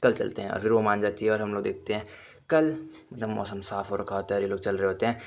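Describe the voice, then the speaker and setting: Fast, flat-voiced man recapping a story. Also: fairly low pitch. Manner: rapid, run-on retelling. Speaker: anime recap narrator.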